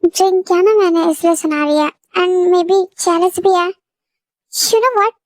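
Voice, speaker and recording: A cocky young boyfriend, played by a woman, shrugs off the blame with jokes. The voice sits very high and sounds dry, with no room echo. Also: slow. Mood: teasing. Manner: teasing, defensive, joking. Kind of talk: fan audio drama.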